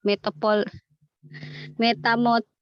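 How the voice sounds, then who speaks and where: A woman student answers slowly and hesitantly in an online class, stopping to search for terms. Her voice arrives through a choppy video call, dull and robotic-sounding in places. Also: on the high side, flat delivery. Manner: hesitant, groping for words.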